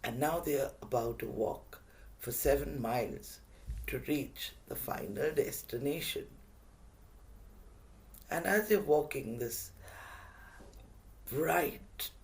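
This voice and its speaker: A male motivational speaker who tells a story in an animated, drawn-out way during a masterclass. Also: mid-range voice, vocal fry.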